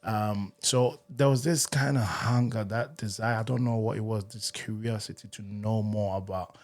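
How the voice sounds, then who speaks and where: A young man from Ghana, a guest on a podcast, telling stories from his life in a relaxed, easygoing way. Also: on the low side, moderate pace. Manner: laid-back, storytelling, laughs often. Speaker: podcast guest, singer and worship leader. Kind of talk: casual interview chat.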